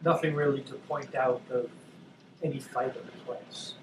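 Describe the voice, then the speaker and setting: A man's voice: medium pitch, level tone, normal speed. A man playing a tabletop horror game who asks the game master short, probing questions. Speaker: player. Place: convention gaming room. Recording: echoey, distant, noisy convention room.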